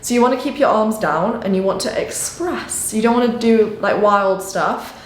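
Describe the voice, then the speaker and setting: Expressive woman vlogging in an echoey room. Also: normal speed, slight background noise. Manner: expressive, shifts pitch and energy often. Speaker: sales coach vlogger. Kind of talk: casual explanatory talk to camera.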